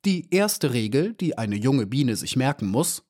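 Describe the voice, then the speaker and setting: A man's voice: mid-range voice, big pitch swings, measured pace, a little mellow. Man voicing stern sighing old bee Cassandra. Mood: lecturing. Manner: scolding, sighing, lecturing. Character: stern fussy old female worker bee.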